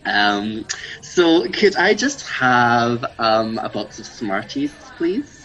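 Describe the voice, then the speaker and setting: A man's voice: mid-range voice, very animated, takes it slowly, fairly bright tone, rough recording. A man from Scotland, a podcast guest in an improvised comedy chat, playful and self-mocking with hesitant fillers.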